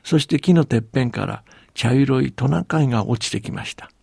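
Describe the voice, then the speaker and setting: A man narrating a storybook in a calm, even way, sometimes dropping to a hush. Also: mid-range voice, fairly quick, vocal fry, slightly rough, no room sound, studio quality.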